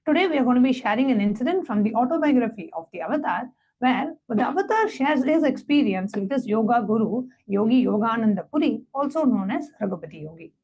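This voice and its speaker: A woman presenting a devotional satsang, reading a story aloud and then giving step-by-step guided instructions in a measured, reverent way. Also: a little high, a little mellow, slightly rough, low-quality recording.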